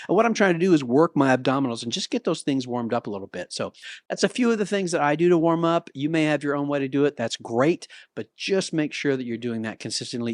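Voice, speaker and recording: A man's voice: fairly high pitch, dry recording. Easygoing man teaching singing, dry sound. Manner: casual, conversational, with sung demonstrations. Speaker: vocal coach. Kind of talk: talking-to-camera singing lesson. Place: Nashville.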